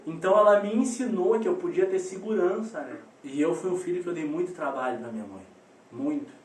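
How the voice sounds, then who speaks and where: A man's voice: high voice, brisk. A man, giving a live online parenting talk as a coach and telling stories animatedly straight to his audience. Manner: animated storyteller addressing the audience directly. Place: indoor room on a live video call. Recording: roomy echo, distant mic, faint noise.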